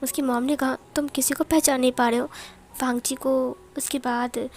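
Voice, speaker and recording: A woman's voice: high-pitched, level tone, moderate pace, darkish tone, slight background noise. A woman narrating a romance fanfiction story, reading every character's lines herself in a lightly dramatic voice.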